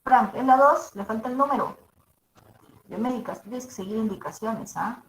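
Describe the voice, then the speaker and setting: In an echoey room, a female teacher with a mezzo-soprano voice on the higher side lectures her class at a moderate pace, checking in with students after each point.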